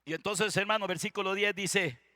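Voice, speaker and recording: A man's voice: high voice, fairly even intonation, a little fast, bright, forceful tone, no echo, clean studio sound. A man with a Costa Rican accent preaching a sermon as pastor, fervently calling out to the congregation and firing rhetorical questions at them.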